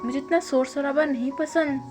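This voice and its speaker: A shameless young husband who teases and bosses his partner around, as a woman puts him on while retelling a story. The voice sits fairly high, and the delivery is mocking and sure of itself. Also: steady tone, normal speed, over music, lightly acted. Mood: smug. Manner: bossy, mocking drawl. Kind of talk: casual storytelling with voiced lines.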